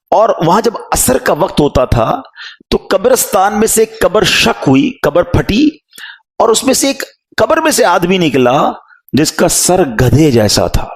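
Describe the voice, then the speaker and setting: A male preacher delivers a sermon with passion. He pleads with the listeners and tells stories dramatically. His voice sits a little high and rises and falls widely. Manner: impassioned, pleading, dramatic storytelling.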